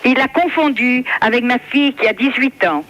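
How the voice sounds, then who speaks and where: Her voice is high-pitched and a bit bright, at normal speed: a woman from France in her fifties chatting casually on the phone. A member of the public on the receiving end of a prank call, she sounds accommodating and hesitant, and the recording carries faint noise.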